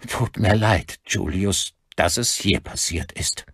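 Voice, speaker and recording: A man voicing a cold, vengeful older man who speaks slowly and deliberately in an audiobook. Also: low-pitched, a bit bright, breathy edge, no room sound, studio quality, pitched above the performer's own voice, full character voice. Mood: grim. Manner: slow, deliberate, icy.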